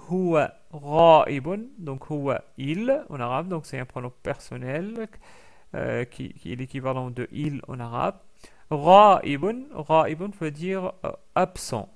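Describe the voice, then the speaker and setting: A man teaching a lesson in French, explaining slowly with many fillers and restarts and carefully sounding out each letter. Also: on the high side, gravelly. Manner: carefully over-articulates sounds being taught. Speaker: Arabic teacher. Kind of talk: recorded language lesson.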